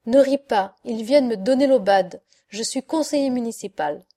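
An exuberant, warm-hearted male poet bursts out in a raised, ringing voice, as a woman narrator puts him on. His hearty exclamations come fast and full, a little higher than the telling around them. It is the welcome of a storybook friend. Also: natural voice. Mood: playful.

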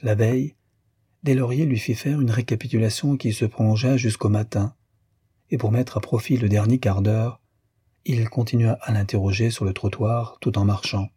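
A man reading a classic novel aloud in a measured, even storytelling manner. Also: fairly low pitch, slightly rough, dry recording, clean studio sound. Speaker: audiobook narrator. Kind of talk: scripted literary narration.

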